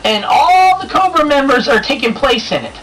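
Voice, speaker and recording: Excitable, chatty man hosting a review vlog. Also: very high-pitched, moderate pace. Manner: excitable, chatty, laughs often. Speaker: show host reviewing comics and movies. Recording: distant mic with faint background noise.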